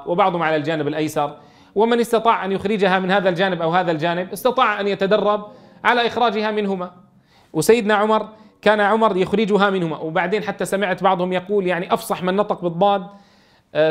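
Man, high-pitched, Quran recitation teacher, lesson, rhetorical questions. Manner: reads quoted verses slowly, then explains in dialect with rhetorical questions. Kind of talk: classroom lesson explaining a tajweed text.

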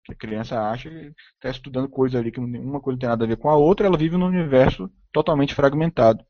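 A man's voice: mid-range voice, fast talker, dry recording. A man giving an opinionated lecture, speaking emphatically and checking in constantly with tag questions. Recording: dull, dry lo-fi recording.

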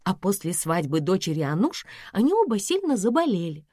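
A woman narrating a story in the first person, telling it in a lively, expressive way. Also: medium pitch, fairly quick, no echo, clean studio sound.

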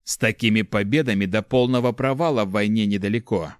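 A man's voice: fairly low pitch, brisk, clear, resonant tone, dry recording, clean studio sound, lightly acted. A man reading a stern, impatient emperor who speaks curtly, in an audiobook. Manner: curt, displeased.

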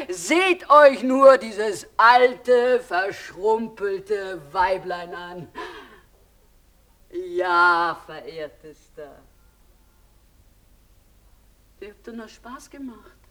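A high, slow-spoken voice of a forsaken woman on the phone. She drops to near-whispers, then calls out loudly when the line breaks up. The speech sounds like a radio drama. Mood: teasing. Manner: shifts between hushed murmurs and loud calls into the phone. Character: despairing woman, clinging to her lost lover. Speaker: abandoned lover on the telephone.

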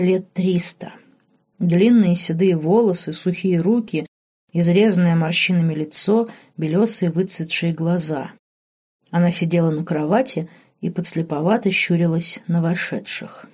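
A woman narrates a fantasy novel audiobook in a steady, measured storytelling manner. Her voice sits low and sounds warm and mellow. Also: slightly rough. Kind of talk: scripted narration.

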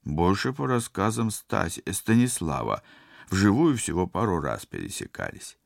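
A calm, middle-aged ship doctor who gives his opinions in a measured way, as a male narrator reads him. His voice is deep with a gravelly edge. The recording is close and dry. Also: no room sound, exaggerated voice. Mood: matter-of-fact.

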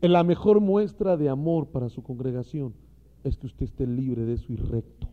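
A man's voice: medium pitch, normal speed, big-room sound. A man preaching a sermon to fellow ministers, impassioned and speaking straight to his listeners. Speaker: pastor. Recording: dull lo-fi recording.

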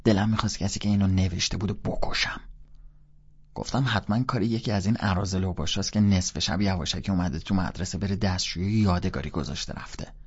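A man narrating a first-person audiobook in a casual, colloquial storytelling manner, with a gravelly, husky voice. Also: deep voice, dull audio.

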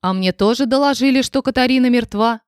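A woman voicing a tense, angry male king who asks sharp, accusing questions. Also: on the high side, brisk, no echo, clean studio sound, pitched above the performer's own voice, lightly acted.

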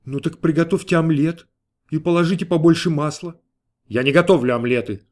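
A man's voice: a little high, fairly quick, a little mellow, pitched above the performer's own voice, lightly acted. A man voicing a gluttonous American restaurant customer who pleads in a whining, tearful way. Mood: pleading.

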